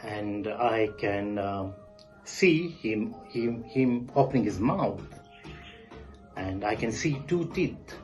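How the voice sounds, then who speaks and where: A man in his forties, a podcast guest, recounting a personal experience in an earnest, halting way with frequent pauses. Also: lowish voice, animated, a little mellow, faint music behind, rough recording. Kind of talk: spoken personal testimony.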